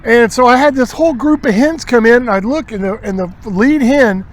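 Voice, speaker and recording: A man with a very high voice hosts an outdoors show, recorded outside at a marina, speaking a little fast. He tells rambling hunting stories in a casual, animated way, acting out what people said.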